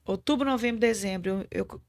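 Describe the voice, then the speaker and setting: A woman's voice: a little high, fast, darkish tone. A woman hosting a podcast, telling an earnest, emotional testimony of faith. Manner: earnest, speaks of God speaking to her. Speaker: podcast host.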